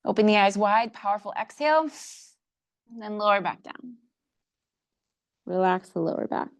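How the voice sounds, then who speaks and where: A woman teaching a live online yoga class, giving calm step-by-step cues for breath and poses, a little out of breath as she demonstrates. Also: mid-range voice, normal speed. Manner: slightly out of breath while demonstrating. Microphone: video call.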